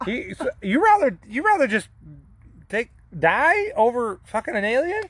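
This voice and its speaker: A man co-hosting a casual podcast, making crude jokes with halting fillers. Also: very high-pitched, very animated, a bit bright, breathy edge, dry recording. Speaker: podcast co-host.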